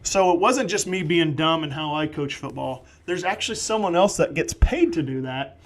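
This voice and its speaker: A man doing live play-by-play football commentary, excitable and jokey with rambling asides. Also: a little high, normal speed.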